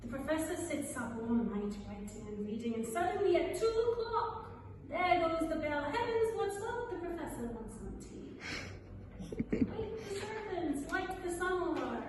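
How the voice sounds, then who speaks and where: A woman's voice: sits high, big pitch swings, measured pace. A woman reading a stage play from a script as a grumbling old household nurse, scolding and exclaiming theatrically. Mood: indignant grumbling. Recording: echoey hall from far off, clear background noise.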